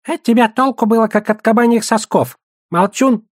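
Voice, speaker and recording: A man voicing a quarrelsome male goblin soldier in a squeaky, high voice, in an audiobook. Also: moderate pace, no room sound, clean studio sound. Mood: indignant.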